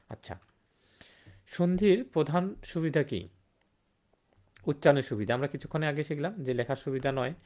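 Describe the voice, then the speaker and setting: A man's voice: mid-range voice, gravelly, a little mellow. A man teaching a grammar lesson online, asking rhetorical questions and repeating key words. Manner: rhetorical questions with "hum?" and "thik na?".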